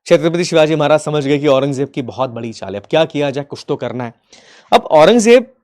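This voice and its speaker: A man teaching history as a story in a casual, affectionate way. He acts out the figures' lines in quick asides and keeps asking his students whether they have understood. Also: fairly high pitch, darkish tone. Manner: keeps checking if students follow, affectionate, addresses them as kids.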